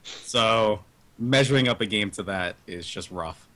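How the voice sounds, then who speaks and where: Hesitant, bright-voiced man in casual chat. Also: on the low side, a little slow. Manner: hesitant, hedges with many fillers and restarts. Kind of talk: casual chat over a video call.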